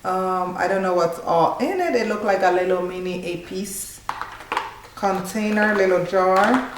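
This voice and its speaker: Speaking a little slowly at a medium pitch, this woman, a Haitian-background cooking channel host in her thirties, films a casual, chatty unboxing vlog indoors at home. She exclaims with delight as she goes. Her small living room sounds echoey, with clearly audible background noise.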